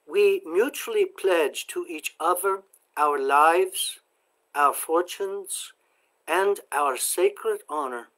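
Guy reading as a young immigrant woman, soft accent, slow and reverent, kinda high. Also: poor audio.

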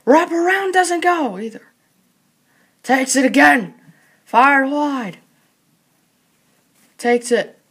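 High-pitched, frantic mock sports commentator. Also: takes it slowly, long pauses. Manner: excitable, shouts on scores and saves, short clipped bursts. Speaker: play-by-play commentator.

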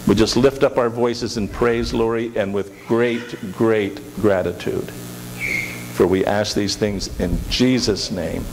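Slow and steady, a middle-aged pastor with a fairly low, somewhat mellow voice offers earnest prayer and announcements, frequently repeating words. He is in a large sanctuary, and the audio has church-hall reverb and hiss.

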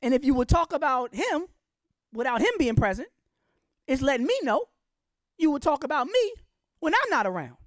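A woman's voice: high-pitched, big pitch swings, normal speed, long pauses, dry recording, studio quality. A middle-aged woman giving an impassioned public lecture, blunt and colloquial, firing off rhetorical questions in a preachy, fiery way.

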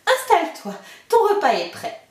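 Ogre's wife, tall, anxious but kind, high lively delivery; a woman puts her on, roomy distant sound. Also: normal speed. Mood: urgent. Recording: roomy, mic far off.

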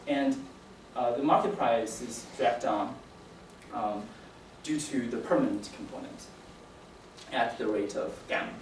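Young man, academic presenter, halting and hesitant, distant mic, roomy echo. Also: medium pitch. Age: young adult. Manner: halting, hesitant delivery with repeated words. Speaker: PhD candidate presenting. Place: indoor seminar room. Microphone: distant camera microphone. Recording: echoey room, distant mic, faint noise.

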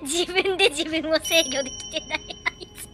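Very high-pitched Kansai woman gamer. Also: normal speed. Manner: excitable, chatty running commentary with jokes. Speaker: game streamer. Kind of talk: let's play commentary. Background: loud game music and sounds.

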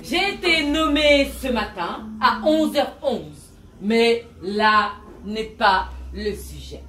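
A woman's voice: a little high, animated, slow pace, a bit bright. A woman playing a grandiose self-esteem coach who preaches in a mock-solemn way, with a big cathedral-like echo around her voice. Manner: preachy mock-solemn call-and-response, mixes English jargon. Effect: big resonant cathedral-like echo. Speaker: stand-up performer. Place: large resonant venue. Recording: echoey room, mic far off.

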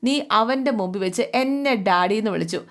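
A woman's voice: medium pitch, a little fast, fairly bright tone, close to an everyday voice. A woman voicing a smug, gloating man who is effusive and triumphant.

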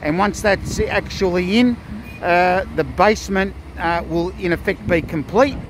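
A middle-aged Australian man giving a casual, halting walkthrough of an outdoor building site, filled with ums and uhs. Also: high-pitched, noisy background. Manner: plain-spoken, many ums and uhs, halting restarts. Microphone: handheld phone camera.

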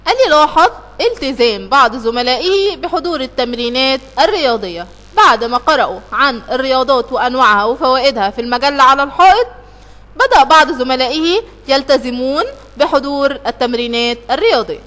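A woman's voice: high-pitched, a bit bright. Woman, Egyptian Arabic accent, teacher, children's review lesson, asks and answers her own questions, long reverb. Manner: asks questions then answers them herself, step by step; recites verses in a slow, drawn-out way.

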